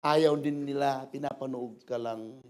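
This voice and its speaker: A man with a Filipino accent preaching a sermon in church as pastor, switching between Tagalog and English and rising to loud emphasis. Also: medium pitch, measured pace. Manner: mixes English phrases into Tagalog, animated, rises to loud emphasis.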